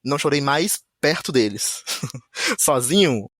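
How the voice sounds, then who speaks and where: A man with a Brazilian Portuguese accent speaks to a men's conversation circle at an everyday middle pitch, recorded dry and close. He is halting and reflective and often restarts and repeats words as he works through a personal story. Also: animated, no echo. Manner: halting and repetitive, with many restarts and a soft, reflective delivery.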